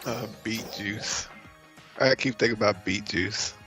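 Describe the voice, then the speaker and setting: A young game streamer gives casual gameplay commentary, excitable and quick to doubt what he hears. His voice is fairly low, with soft background music.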